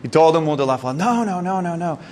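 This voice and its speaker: A man's voice: fairly high pitch, very fast, a little hiss or hum. Man lecturing a live audience. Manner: lively storytelling, quizzes the audience, occasional non-native slips.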